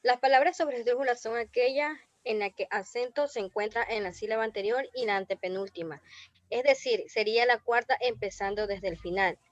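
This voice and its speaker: A woman's voice: on the high side, a little fast, no echo. Woman reading a class presentation, dry lo-fi audio. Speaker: student presenter.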